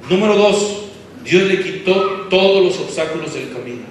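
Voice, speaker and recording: A man's voice: sits high, animated, moderate pace. A man preaching a sermon, emphatic and asking the congregation questions as he goes. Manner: emphatic, asks the congregation questions, uses football comparisons. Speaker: pastor. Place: church hall. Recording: echoey church hall from far off, faint background noise.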